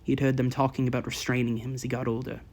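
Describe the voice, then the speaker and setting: A man narrates an audiobook at an even, measured pace, reading each sentence with care. His voice sits at a middle pitch for a man. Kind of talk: scripted narration.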